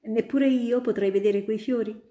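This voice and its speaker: A woman's voice: fairly high pitch, steady tone, moderate pace, dark tone, pitched above the performer's own voice, natural voice. A woman voicing a curious, eager little girl who keeps asking questions in a storybook reading. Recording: roomy echo.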